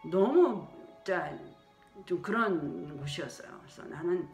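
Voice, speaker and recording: A woman's voice: fairly low pitch, animated, measured pace, darkish tone, distant mic. A woman who works at a daycare, telling of her own experience in an indignant, storytelling way and acting out what others said. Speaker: daycare worker. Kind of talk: personal testimony. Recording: roomy echo with faint music.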